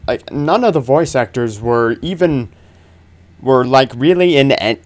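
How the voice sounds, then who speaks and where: A man in his twenties giving casual, halting, wry gaming commentary into a close desk microphone. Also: medium pitch, expressive. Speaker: gaming video host. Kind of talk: casual let's play commentary. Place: small room indoors. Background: video game ambience.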